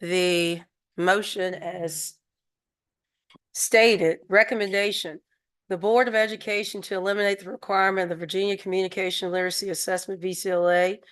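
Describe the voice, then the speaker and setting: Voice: medium pitch, flat delivery, normal speed, fairly bright tone, smooth. A board chair running a formal public meeting, moving through procedure and laughing easily with the members.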